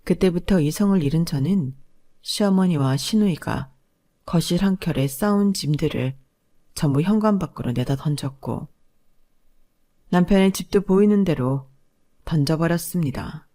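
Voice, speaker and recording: A woman narrates a dramatic first-person story. Her delivery is calm and measured, and her voice sits on the low side.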